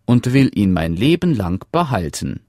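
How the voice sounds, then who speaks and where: A man's voice: on the low side, big pitch swings, normal speed, darkish tone, no room sound, clean studio sound, pitched above the performer's own voice. A man voicing a devoted young princess defending her husband in a storybook reading.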